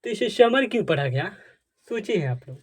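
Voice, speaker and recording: High-voiced man teaching with repeated questions. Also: sing-song, fairly quick. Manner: asks and answers his own questions, repeats points; addresses viewers as dear friends, asks for comments. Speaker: English teacher. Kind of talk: Hindi tutorial on English pronunciation rules.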